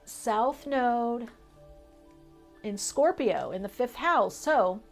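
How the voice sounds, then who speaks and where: A woman's voice: on the high side, animated, extremely slow, faint music behind. A woman reading tarot for her viewers, talking in a flowing, spiritual way with fillers and long trailing lists. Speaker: tarot reader.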